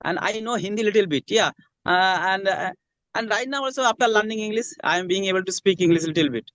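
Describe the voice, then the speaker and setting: Fast, high-voiced man with Bengali Indian accent. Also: a bit bright, no echo. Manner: repeats and rephrases phrases. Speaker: host of English conversation channel. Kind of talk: conversational interview.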